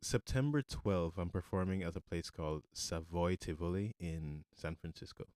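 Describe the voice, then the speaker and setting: A man from Jamaica, a musician, answering interview questions in a relaxed, thoughtful way with many fillers. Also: deep voice, normal speed, dry recording, clean studio sound. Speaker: musician guest.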